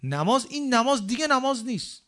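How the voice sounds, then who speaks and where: A man preaching a sermon, full of rhetorical questions, with slow, measured recitation of scripture and strong swings in emphasis. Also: sing-song. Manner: emphatic swings in pitch and loudness.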